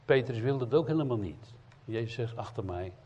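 A man preaching a sermon in as an evangelist, emphatic, swinging between loud cries and quiet earnest asides. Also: mid-range voice, fairly quick. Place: church hall. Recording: dull lo-fi sound in a reverberant church hall.

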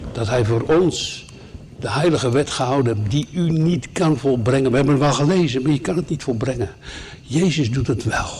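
A man's voice: medium pitch, darkish tone. Male preacher, sermon delivery, emphatic and earnest, faint noise behind. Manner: earnest, emphatic, with asides to the listeners.

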